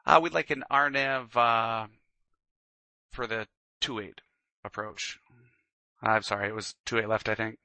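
Guy pilot doing radio readbacks, lowish voice, sharp and fry-heavy. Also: steady tone, measured pace, long pauses, no echo.

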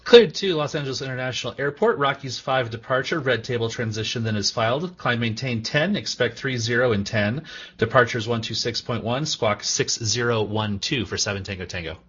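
A man speaks as a pilot on air traffic control radio. His husky, mid-pitched voice reads back in clipped phraseology through a muffled channel. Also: a little fast, fairly bright tone. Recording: dull band-limited radio audio.

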